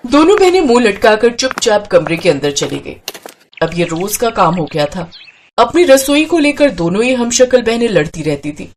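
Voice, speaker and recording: Brief: female storybook narrator, mid-pitched and steady. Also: normal speed, a little hiss or hum.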